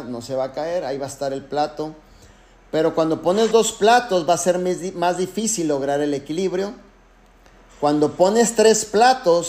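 A man's voice: fairly high pitch, darkish tone. A man who leads a network marketing team, giving an emphatic motivational talk full of anecdotes and direct address.

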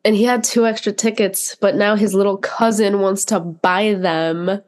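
A young woman co-hosting a casual podcast chat, laughing often and reacting quickly. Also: medium pitch, fairly even intonation. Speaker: podcast co-host.

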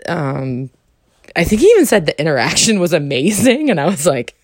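A young adult woman hosting a podcast, telling a casual story animatedly and acting out quoted lines with sudden high jumps. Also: big pitch swings, brisk, a little mellow, no room sound, clean studio sound. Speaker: podcast host.

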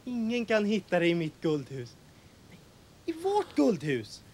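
A woman playing a tiny boy in a golden house in a film, coaxing and sing-song with sudden shouts. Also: medium pitch, wildly swooping pitch, slight background noise. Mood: enticing.

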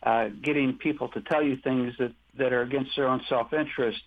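A male expert guest on an interview talk show, explaining his methods step by step and often restarting his sentences. His voice sits at a middle pitch. He comes through a thin, tinny phone line. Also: fairly even intonation, brisk. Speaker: guest, deception-detection expert. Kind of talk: conversational interview.

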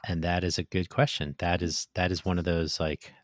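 A man's voice: sits low, level tone, moderate pace, no echo, studio quality. A man co-hosting a casual tech talk, thoughtful and hesitant, restarting his sentences often.

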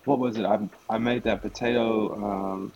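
A man chatting casually as a chef, slangy and halting, with frequent swearing. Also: lowish voice, fairly even intonation. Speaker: chef making cooking videos. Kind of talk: casual podcast-style chat. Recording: dull audio amid loud crowd chatter.

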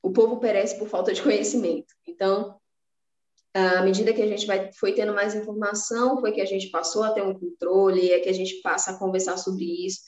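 Her voice sits at medium pitch with fairly even intonation, moving fairly quickly and sounding a little mellow in an echoey room. She's a Salvador, Bahia native with a Bahian Brazilian Portuguese accent, appearing as a podcast guest in a relaxed interview and motivating listeners about personal finance, though she restarts a lot.

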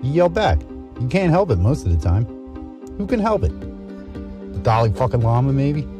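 A man's voice: medium pitch, big pitch swings, normal speed, lightly acted. A man doing a weary, grumbling family man journaling. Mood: brooding. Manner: rambling, muttering, wry self-talk. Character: weary married factory worker journaling, man. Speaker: journal writer. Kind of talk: voice-over journal entry. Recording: muffled lo-fi with music behind.

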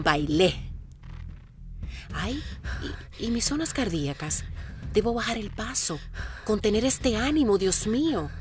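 A woman's voice: mid-range voice, a little hiss or hum. Woman narrating her marathon. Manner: intimate, reflective inner-monologue narration with sudden bursts of excitement. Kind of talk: first-person narration of a race.

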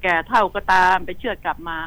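A woman's voice: fast talker, fairly bright tone, no room sound, low-quality recording. Outspoken woman radio news commentator. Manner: outspoken, indignant, rambling with many repeats. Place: radio studio.

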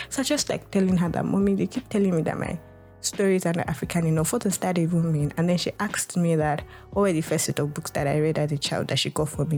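A podcast host, she is a young Nigerian woman whose Nigerian English accent carries a low-pitched, darkish voice. She reflects casually in a rambling monologue, using "like" a lot and often restarting.

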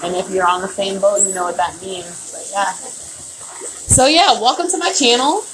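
A woman's voice: mid-range voice, normal speed. Tipsy woman rambling over running water. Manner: loose and profane, slightly tipsy. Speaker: podcast host. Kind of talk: rambling casual monologue. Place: at home near a bathtub. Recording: noisy home recording with running water.

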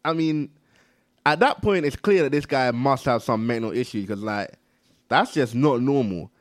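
A young man, hosting a casual chat and telling animated anecdotes. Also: medium pitch, normal speed, no room sound. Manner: animated storyteller, laughs through anecdotes. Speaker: podcast host.

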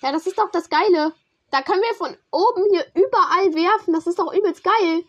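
Young woman streamer, high voice, excitable slangy play-by-play to a teammate. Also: fairly quick, muffled recording. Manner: excitable, slangy, talks to a teammate while playing. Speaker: gamer streamer. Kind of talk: casual gaming commentary.

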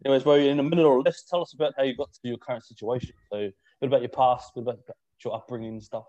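A man's voice: mid-range voice, fairly even intonation, rapid-fire, mellow. A man hosting a casual, slangy interview. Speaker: podcast host. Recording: slightly dull call audio.

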